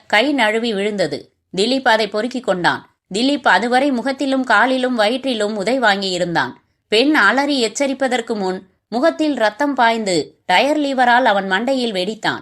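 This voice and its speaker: A woman narrating a crime novel in an even, measured storytelling read, giving the characters' lines only light voicing. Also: on the high side. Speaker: audiobook narrator.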